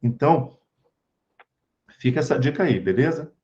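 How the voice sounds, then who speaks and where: Chatty and informal, a spiritist study group speaker with a Brazilian accent gives a spiritual talk over a video call, checking in with tag questions throughout. He has a medium-pitched, dark-toned voice with lively intonation at normal speed, in lo-fi sound.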